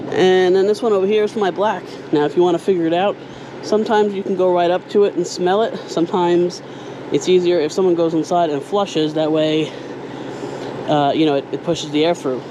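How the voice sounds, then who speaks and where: A man's voice: sits high, steady tone, normal speed. A man hosting a casual, hands-on DIY vlog about RV life, talking to viewers outdoors with noise around him. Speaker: RV vlog host. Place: outdoors at an RV, partly on its roof. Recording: noisy outdoor recording with hum and traffic.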